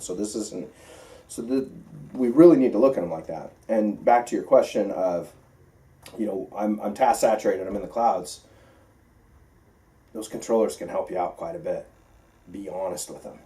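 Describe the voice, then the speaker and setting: In a low, mellow voice, an American flight instructor gives pilots a casual, conversational classroom lesson. He stresses points emphatically and frequently asks check-in questions, and the recording comes from a distant microphone.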